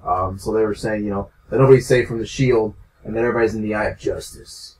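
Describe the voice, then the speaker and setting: A man's voice: on the low side, fairly even intonation, fast, a little mellow, slight background noise. A young man co-hosting a casual wrestling podcast, laughing often and steering the talk to the next topic. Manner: laughs often, leads segments. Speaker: podcast co-host. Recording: roomy mic from a distance.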